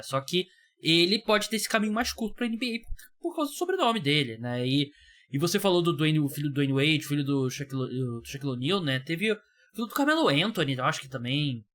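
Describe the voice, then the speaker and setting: A man's voice: on the high side, fairly bright tone. A Brazilian man hosting a sports podcast, chatting casually with lots of fillers and the odd swear word. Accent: Brazilian Portuguese. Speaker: podcast host.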